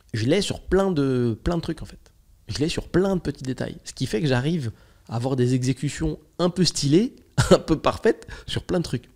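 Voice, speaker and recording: A man's voice: fairly high pitch, dark tone. A young man hosting a podcast, talking in a casual, slangy monologue and acting out his own inner voice. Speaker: podcast host.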